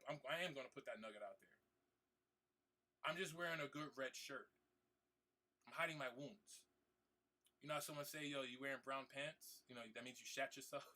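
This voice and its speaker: Male game streamer, bright tone; heartfelt, repetitive, slangy address to viewers. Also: medium pitch. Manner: emotional, repetitive, trying not to cry; casual slang, swearing.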